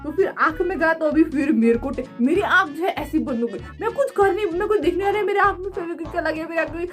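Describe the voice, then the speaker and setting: A young adult woman telling a story in a casual craft vlog, animated and dramatic, often laughing. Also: extremely high pitch, fast talker, faint music behind. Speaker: craft vlogger.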